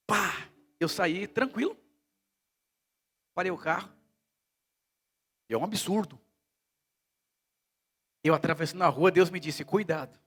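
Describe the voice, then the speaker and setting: A male pastor from Brazil preaching a sermon in a church service, telling stories and swinging between hushed and loud delivery. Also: sits high.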